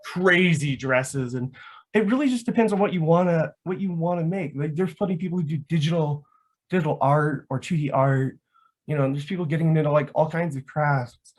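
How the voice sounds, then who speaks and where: A man with a fairly high voice, speaking a little fast, appears as a guest to talk about his hobby of crafting foam gear for LARP. He is casual and enthusiastic, rambling and using "like" constantly as filler.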